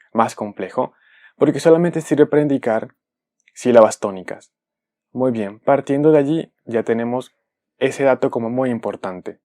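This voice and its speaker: A man, a native speaker, giving a careful explanatory video lesson, often pausing to rephrase himself. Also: mid-range voice, darkish tone. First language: Spanish. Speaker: language teacher.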